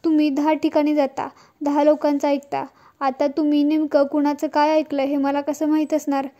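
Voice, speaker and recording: A woman voicing a proud, sharp-tongued mother-in-law who speaks in a dry, scolding way. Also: high voice, monotone, moderate pace, lo-fi sound.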